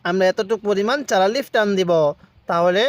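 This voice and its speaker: A man's voice: high voice, fairly quick, no room sound. A man teaching a Quran reading lesson, patiently spelling out letters and syllables one by one. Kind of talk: step-by-step recitation lesson.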